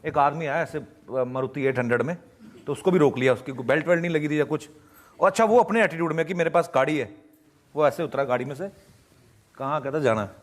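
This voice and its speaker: Young man guest, spins lively stories, mimics the people in them, voice sits a bit high. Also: fast. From Punjab, India. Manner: animated anecdotes, acting out quoted voices. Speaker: interview guest. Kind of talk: storytelling answers in a TV interview.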